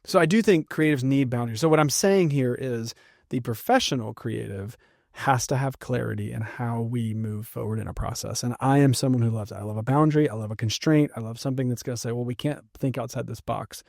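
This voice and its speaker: A man's voice: mid-range voice, a little fast, gravelly, a little mellow, no room sound, clean studio sound. A man co-hosting a podcast, talking animatedly, acting out quotes and often checking in with "right?". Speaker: podcast co-host. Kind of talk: casual podcast conversation.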